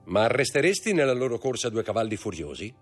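A man's voice: mid-range voice, big pitch swings, slightly rough, faint music behind, pitched above the performer's own voice. A man voicing a composed, enigmatic wealthy nobleman who speaks courteously and measuredly for an audiobook. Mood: commanding. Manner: courteous, measured, commanding to servants. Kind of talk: audiobook character voice.

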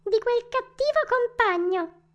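A woman voicing a kind little female marmot who gently consoles a friend in a squeaky, tender voice. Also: expressive, a little slow, highs cut off, heavily acted. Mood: consoling.

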